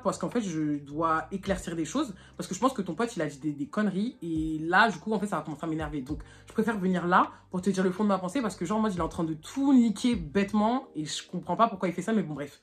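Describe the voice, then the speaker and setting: A young woman telling a story to her viewers, animated and slangy, swearing often and laughing nervously. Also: mid-range voice, quick pace, few pauses.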